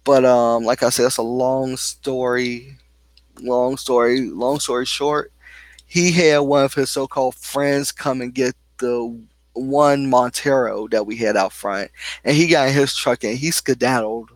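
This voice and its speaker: A man's voice: medium pitch, no echo. A young man venting on his own channel, heated and rambling, full of fillers and asides. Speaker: vlogger. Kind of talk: casual venting monologue.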